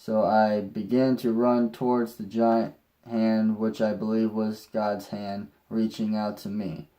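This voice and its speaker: A man's voice: on the low side, level tone, measured pace, mellow. A young man telling a personal story in a rambling way, with restarts and mild swearing. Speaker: vlogger.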